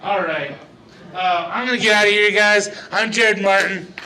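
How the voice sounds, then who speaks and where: A man's voice: high voice, normal speed, very noisy. A young man doing a rambling, profane stand-up set on a small bar stage, often laughing at his own jokes. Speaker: stand-up comedian. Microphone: old-style handheld stage mic.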